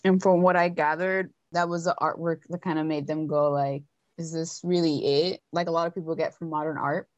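A woman's voice: low voice, little pitch movement, fairly quick, few pauses, dry recording, highs cut off. A young woman hosting a casual chat, telling a story with chatty asides. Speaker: podcast host telling a story.

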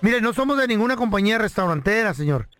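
A man's voice: high voice, animated, fast talker, fairly bright tone, faint music behind. A man hosting a radio prank show, switching from polite salesman patter to slangy joking banter.

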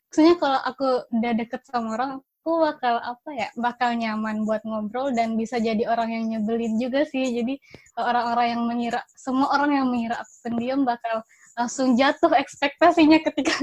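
High-voiced giggly young woman. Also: steady tone, brisk, lo-fi sound. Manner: giggly, chatty storyteller. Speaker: podcast co-host. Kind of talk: casual chat.

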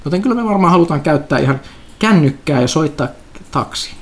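Gravelly man chatting at a game table. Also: on the high side, expressive. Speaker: player. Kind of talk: casual banter at the game table.

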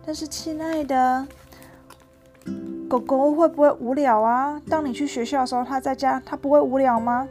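A woman voicing a soft gentle mother. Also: sits high, faint music behind, pitched above the performer's own voice, natural voice. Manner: soft, tender and slow. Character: gentle patient mother speaking softly to her child.

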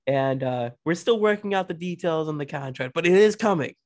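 A man co-hosting a casual podcast chat, playful and quick to riff on a joke. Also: a little high. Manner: lively, playful, riffs on bits. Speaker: podcast co-host.

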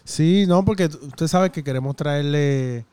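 A man's voice: on the high side, measured pace, dark tone, smooth, no room sound. A man, co-hosting a casual chat show in an easygoing, laughing way. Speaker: podcast co-host.

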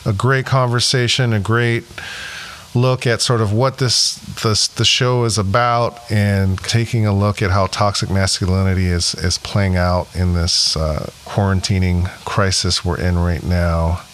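Low-voiced earnest podcast host man. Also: steady tone, measured pace, a bit bright, slight background noise. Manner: earnest, reflective, joking. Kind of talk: casual podcast chat.

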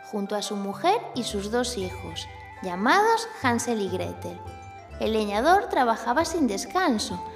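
A woman's voice: fairly high pitch, long reverb tail. A woman speaking like a kids show host, narrating a scripted children's story to young listeners. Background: music.

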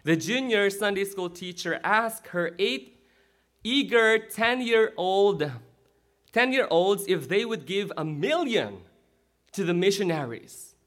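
Pastor guy preaching in church, bright high voice, keeps asking right? amen?. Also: slow. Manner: lively, checks in with the crowd with "right?" and "amen?". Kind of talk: sermon.

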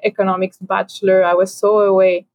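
A woman's voice: medium pitch, little pitch movement, brisk, darkish tone, no echo. Chatty young woman, podcast guest. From France. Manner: chatty, many fillers and restarts. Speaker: podcast guest, ocean educator. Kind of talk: casual interview conversation. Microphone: video call.

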